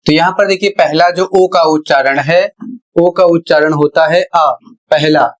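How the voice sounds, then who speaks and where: Slow, deliberate male teacher. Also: fairly high pitch, fairly even intonation, rough recording. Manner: deliberate, repeats phrases, stretches key sounds. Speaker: English pronunciation teacher. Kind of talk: slow explanatory lesson.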